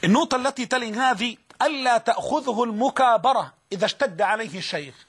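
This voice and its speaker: A man's voice: very high voice, lively intonation, fast, a bit bright, husky. A man with an Egyptian accent giving an Islamic lesson to students, telling stories animatedly and acting out the quoted voices. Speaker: preacher.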